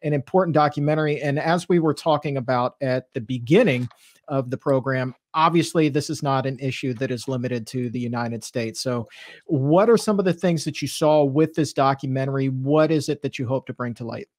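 A man's voice: medium pitch, fairly quick, a little mellow, dry recording. Thirties male host, playful and chatty, dry close studio mic. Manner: joking, playful, rambling. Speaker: podcast host. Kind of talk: podcast interview. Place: studio with a podcast backdrop. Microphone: studio microphone on an arm.

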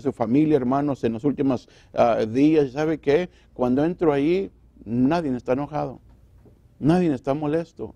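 Male pastor preaching, dark voice. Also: a little high, no echo, highs cut off. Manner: preaching with rhetorical questions and acted-out quotes. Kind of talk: Spanish sermon. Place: church.

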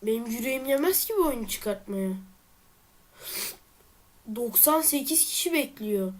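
A woman's voice: a little high, animated, measured pace, a little hiss or hum. A woman giving let's play commentary with a stuffy nose, muttering at the game and breaking into frustrated exclamations. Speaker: let's player.

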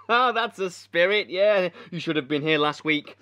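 A man's voice: high voice, expressive, measured pace, dry recording, full character voice. A man doing a brash fake-Scottish hotel owner. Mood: jolly. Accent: put-on Scottish. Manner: loud, jolly and leering.

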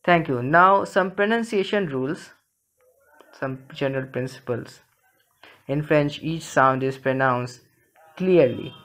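A male language teacher giving a classroom lesson, slow and deliberate, repeating phrases for learners. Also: a little high, fairly bright tone. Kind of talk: classroom lesson, reading a textbook dialogue aloud.

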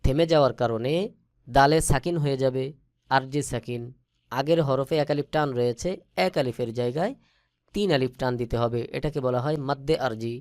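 A man teaching Quran reading in a lesson, spelling out letters step by step and chanting the words slowly and patiently. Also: medium pitch, a little mellow, clear, resonant tone, dry recording, studio quality. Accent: Bangladeshi Bengali. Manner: slow, patient, drawn-out chanted recitation.

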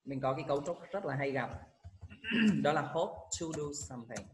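An animated high school English teacher with a Vietnamese accent goes over exam questions, carefully voicing the English answers slowly before explaining in Vietnamese. The recording is rough, with a bit of background noise.

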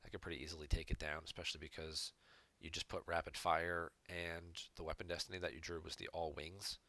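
A man's voice: sits low, little pitch movement, fairly quick, bright, forceful tone, no room sound. A man commentating on a recorded card game match, explaining each play step by step from home. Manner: analytical, explains plays step by step. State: hiccups. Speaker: game reviewer. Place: home room.

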